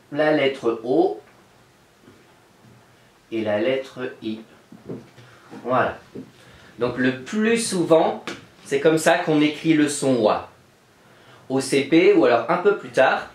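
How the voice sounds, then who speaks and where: A man teaching young children in a remote class, speaking slowly and clearly as he writes letters on a board and sounds them out. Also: medium pitch, reverberant. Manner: slow, clear, patient teacher talk, spelling out sounds. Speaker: kindergarten teacher.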